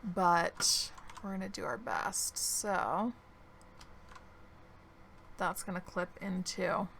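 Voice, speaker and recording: A gaming video creator commentates her own game in a relaxed let's-play, thinking aloud slowly as she plays. Her fairly low, creaky voice has a fairly bright tone over slight hiss or hum, and she's losing her voice a bit, clearing her throat.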